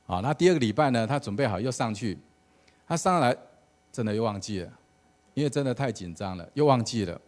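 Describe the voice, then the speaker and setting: A man's voice: medium pitch, animated, fairly quick, a little mellow. A man, a church elder giving a casual sermon with an anecdote at a prayer meeting. He talks conversationally and often starts phrases with "好" and "哦".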